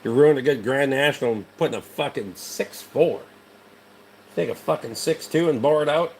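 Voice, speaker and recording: A man with a mid-range voice and a Rhode Island accent chats casually at normal speed as he hosts a livestream and responds to viewers. He's from Rhode Island, United States, and his manner is blunt, dismissive, and heavily profane. A slight hiss or hum can be heard.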